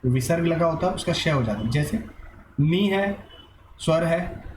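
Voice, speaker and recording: A man's voice: on the high side, lively intonation, unhurried, echoey room, noisy background. A man teaching an online grammar lesson, asking and answering his own questions and mixing in English words.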